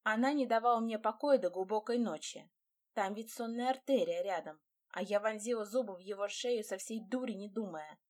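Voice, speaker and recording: A woman's voice: medium pitch, a little fast, darkish tone. A woman reading a first-person fantasy romance audiobook with dramatic expression. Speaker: audiobook narrator.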